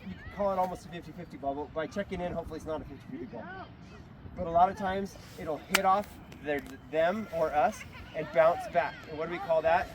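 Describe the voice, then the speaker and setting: A man coaching a soccer team in a halftime pep talk, instructive and often checking understanding with short tag questions. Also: high voice. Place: outdoors at a sports field. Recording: outdoor field with clear traffic noise.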